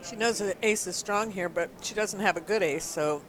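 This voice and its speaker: A man's voice: high-pitched, moderate pace, a crowd in the background. A man commentating live poker from a booth, talking through the players' decisions in an analytical way, often adding "you know".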